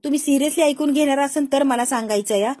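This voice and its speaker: A woman's voice: high voice, fast talker, dark tone, close to an everyday voice. A woman voicing a fussy, flustered young wife. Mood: urging. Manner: urging, fussy.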